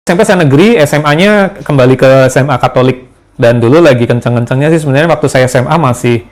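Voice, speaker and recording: A man being interviewed tells his conversion story in a relaxed testimony conversation, talking fast in an easy, conversational way. His voice is mid-range, he pauses here and there to hesitate and find his words, and there is a slight hiss or hum.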